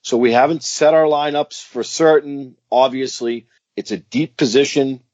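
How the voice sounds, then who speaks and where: A man's voice: medium pitch, fairly even intonation, normal speed, a little mellow, dry recording, muffled recording. A man co-hosting a fantasy football podcast, calling out his picks in a casual, enthusiastic chat. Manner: enthusiastic, repeats picks with "give me".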